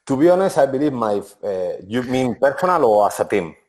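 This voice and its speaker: This former footballer in his forties has a mid-range, darkish voice with a sing-song lilt and a fairly quick pace, and there is slight background noise. He gives relaxed interview answers in non-native English, restarting frequently and often saying "to be honest."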